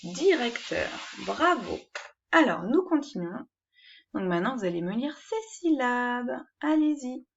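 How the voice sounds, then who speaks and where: Slow, patient woman teacher, lo-fi. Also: on the high side, lively intonation. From France. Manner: slow, syllable-by-syllable dictation. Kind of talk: classroom reading lesson.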